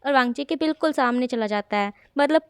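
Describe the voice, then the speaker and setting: A woman's voice: high-pitched, a little fast, clean tone, no room sound. A woman narrating a fan fiction story in a conversational storytelling way, switching between the characters' voices.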